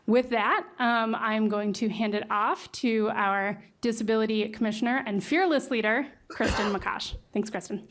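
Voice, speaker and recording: A woman's voice: on the high side, steady tone, moderate pace, a bit bright. A woman hosting an event, making informal housekeeping announcements to those attending.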